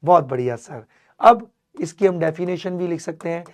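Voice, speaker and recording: A man teaching an online chemistry class with a strained, fading voice. He speaks to his students warmly and fondly, mixing in English terms. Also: fairly high pitch, normal speed. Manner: affectionate, calls students "my child", mixes English terms. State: losing his voice, strained throat. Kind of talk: energetic online class lecture.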